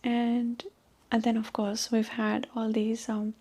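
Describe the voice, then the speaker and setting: A gossipy young Indian woman with an Indian accent murmurs in a soft, breathy whisper on a marriage date, as a woman acts her out for ASMR. She rambles and brags in a mellow, flat tone that sits fairly high. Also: slow. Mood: boastful whisper.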